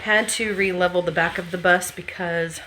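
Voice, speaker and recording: Speaking at a normal speed with a steady, sharp tone, this lower-voiced woman is a vlogger narrating her bus conversion as she works, casual and thinking out loud. The noisy recording, made inside the bus, picks up a playing radio and construction noise.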